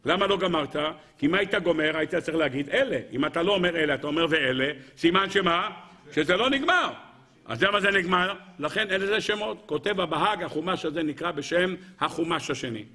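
Here a rabbi's high, keen, bright voice carries a weekly Torah teaching. Rhetorical questions come thick and fast, each repeated before he answers it, while his tone rises and falls with animation and he refers to the listeners as gentlemen.

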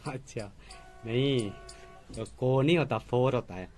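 A man's voice: medium pitch, unhurried, darkish tone, soft background music. A man vlogging at home, patiently quizzing a child on letters and numbers and calling out to the children at play. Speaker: family vlogger. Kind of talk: casual home vlog.

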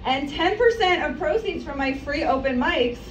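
A woman in her thirties with a high, animated voice at normal speed performs a stand-up comedy set on a small café stage, chatty and self-deprecating with rambling asides. Her mic sits on a stand and she's filmed from across the room, so the recording is roomy, distant and noisy.

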